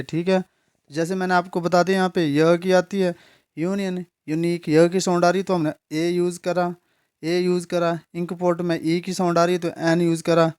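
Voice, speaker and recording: A man teaching an English grammar lesson, patiently explaining, repeating words, checking if students follow and spelling some words out slowly letter by letter. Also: on the high side, a little mellow, clean tone.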